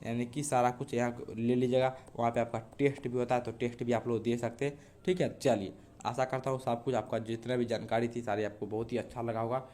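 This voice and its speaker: A man's voice: mid-range voice, flat delivery, brisk, mellow. A man from Bihar teaching an online grammar lesson to school students, speaking to them directly and often checking in with "ठीक है".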